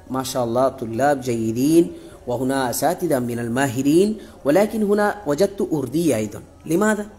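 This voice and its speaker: A man from Bangladesh, a visiting sheikh urging students in a classroom lecture, quizzing them with repeated questions and halting often to restart. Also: on the high side, a little mellow. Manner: halting, many pauses and restarts.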